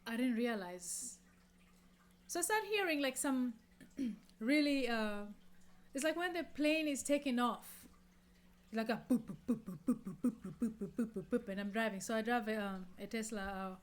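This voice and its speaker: A woman's voice: fairly high pitch, lively intonation, normal speed. A middle-aged woman from Tanzania, hosting her own podcast and telling a story in a casual, chatty way with many fillers and restarts. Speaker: podcast host.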